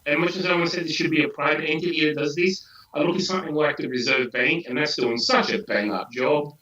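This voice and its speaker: A man's voice: a little high, fairly even intonation, fast, pushed and bright. An Australian man, a guest in a casual debate, talking over a remote call with a dry, sarcastic streak. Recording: dull roomy audio from far off.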